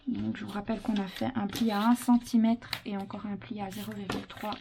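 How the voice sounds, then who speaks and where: A woman's voice: mid-range voice, flat delivery, a little fast. A woman presenting an informal step-by-step craft tutorial, giving instructions as she works with her hands. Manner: instructional, talking while working. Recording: clearly noisy with handling clicks.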